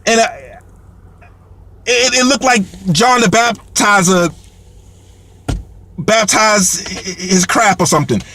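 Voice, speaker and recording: Brief: man, high voice, animated comic storyteller, lots of fillers and restarts. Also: slow, pauses often. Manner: heavy fillers and repeated words; animated, laughs between lines. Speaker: comedian telling a story.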